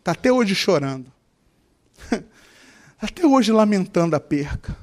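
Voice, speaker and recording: A male pastor with a Mato Grosso Brazilian Portuguese accent, preaching with a high voice that leaps up and down. He fires questions at the congregation and slips into whiny, tearful voices to act out the people he talks about. His delivery is animated and theatrical. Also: measured pace. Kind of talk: sermon.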